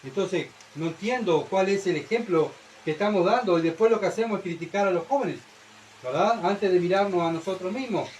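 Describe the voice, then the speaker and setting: A man's voice: high voice, fairly quick, darkish tone, slight background noise, low-quality recording. A man with a Uruguayan Spanish accent preaching a sermon in church, who keeps asking the congregation rhetorical questions and checking with "¿verdad?".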